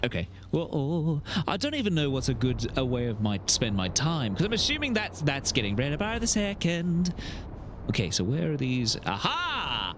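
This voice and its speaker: A man streams a video game live, chatting to himself and his viewers in a playful, exclamatory way. His voice sits a little high and swings widely up and down, with a faint hiss of noise underneath. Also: huge pitch swings, normal speed. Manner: playful, talks to himself and chat, exclaims often. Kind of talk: live gameplay commentary.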